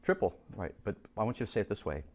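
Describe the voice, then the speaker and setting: Quick-paced and fairly low-pitched, a male chemistry teacher runs through review problems in class, playfully teasing his students and coaxing answers out of them with lively energy.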